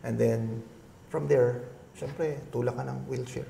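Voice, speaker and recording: A man's voice: medium pitch, steady tone, slow, gravelly, dark tone, echoey room, a little hiss or hum. A middle-aged man, a guest being interviewed, telling a long personal story in a polite, rambling way with many restarts. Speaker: guest, agribusiness consultant.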